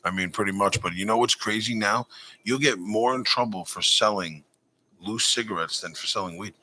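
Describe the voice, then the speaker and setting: A male show host with a lowish, bright, forward voice. He chats in a relaxed way, sliding easily into an announcer's delivery. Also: normal speed, low-quality recording. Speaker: podcast host. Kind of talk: casual chat.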